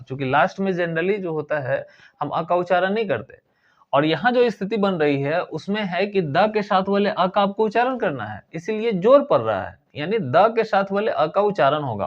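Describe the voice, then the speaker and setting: A man teaching English grammar in a recorded lesson, explaining patiently and repeating key points. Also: high voice. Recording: dull lo-fi recording.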